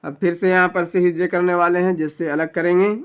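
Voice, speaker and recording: Smooth-voiced man teaching Quran reading. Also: sits high, level tone. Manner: patient, spells each letter slowly, stretches vowels when reciting. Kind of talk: Quran recitation lesson, spelling out letters.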